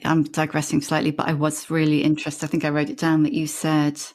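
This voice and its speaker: A woman's voice: deep voice, monotone, fast talker, a little mellow. A middle-aged woman hosting a podcast, asking interview questions in a conversational way. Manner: conversational, asks set questions. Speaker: podcast host.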